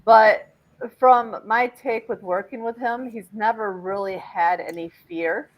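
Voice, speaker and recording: A woman's voice: medium pitch, steady tone, a little slow, rough recording. Woman hosting a panel discussion. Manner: explanatory, with frequent fillers. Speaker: podcast host and regression facilitator.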